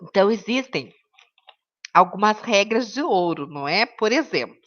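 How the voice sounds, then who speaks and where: A woman teacher delivers a recorded course lecture in an even, middle-pitched voice. She explains patiently and keeps checking in with tag questions. The audio is slightly dull and lo-fi. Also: moderate pace. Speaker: teacher of children's literature.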